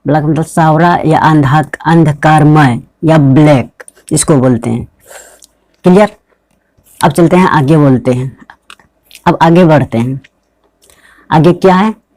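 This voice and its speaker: A man teaching a pronunciation lesson over a screen recording, asking questions and answering them himself, repeating words slowly. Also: a little high, a little mellow, no room sound. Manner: repetitive, asks and answers his own questions.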